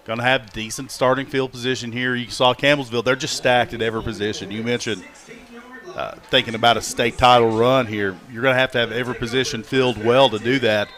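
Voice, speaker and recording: A man with an American accent giving color commentary on a high school football game for local radio, chatty and analytical. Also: steady tone, fast talker, fairly bright tone. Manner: chatty, analytical, drops to asides. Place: high school football stadium broadcast booth.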